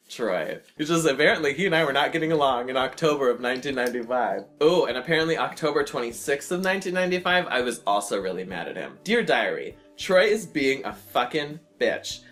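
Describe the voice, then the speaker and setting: A man's voice: medium pitch, very animated, a little fast, a bit bright, soft background music. American man reading aloud with amused self-mockery. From United States. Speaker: vlogger. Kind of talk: casual chat mixed with reading old diary entries aloud.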